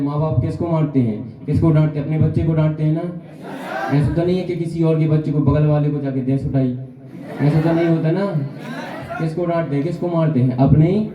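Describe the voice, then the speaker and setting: A man speaks to a seminar audience in a roomy meeting hall. He tells his own story as a motivational testimonial, asks rhetorical questions and acts out the dialogue. The sound is dull and muffled, with a strong echo. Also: a little high. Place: meeting hall at a business center.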